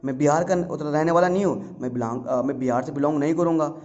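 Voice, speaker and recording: A man's voice: on the high side, quick pace, a little mellow. A man from Uttarakhand tutoring maths in a casual, coaxing way, asking questions and answering them himself. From Uttarakhand, India. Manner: chatty, coaxing, answers his own questions in students' voice. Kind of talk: casual classroom explanation. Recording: dull lo-fi sound.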